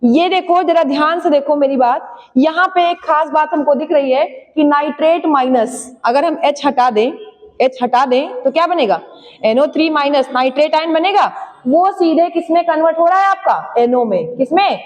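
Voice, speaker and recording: High-voiced woman teaching chemistry in a hall. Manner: quizzing students and answering her own questions; urges students to write fast. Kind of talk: classroom lecture, dictating notes. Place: classroom. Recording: long hall reverb.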